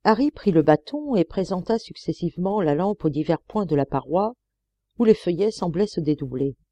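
A woman reading a classic novel aloud as an audiobook, in steady, measured storytelling. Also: fairly low pitch, no room sound. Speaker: audiobook reader. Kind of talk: scripted audiobook narration.

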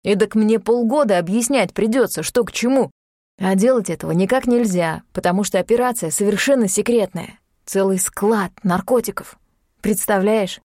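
A woman's voice: mid-range voice, moderate pace, mellow, no echo, studio quality, natural voice. A woman reading an audiobook and voicing a curt, commanding young man who grumbles and gives orders. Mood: serious. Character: gruff bossy young man, secretive and impatient. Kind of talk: audiobook character voice.

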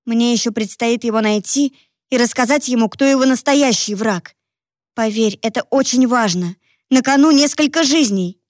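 A woman reading as a determined young woman, earnest and pleading, her voice sitting a little high. The delivery is close and dry, with no room around it. She sounds guilty but does not give ground. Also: normal speed, no room sound, lightly acted.

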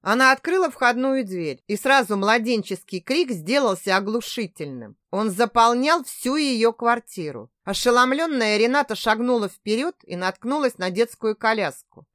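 A woman narrates a novel in a measured, expressive reading. Her voice sits fairly high and moves a lot in pitch. The recording is dry and close. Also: dry recording. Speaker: audiobook narrator. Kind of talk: scripted narration.

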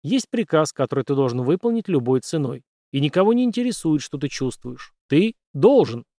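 A man voicing a somber older father, a former soldier, speaking in a measured, grave way. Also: on the high side, big pitch swings, warm tone, dry recording, studio quality.

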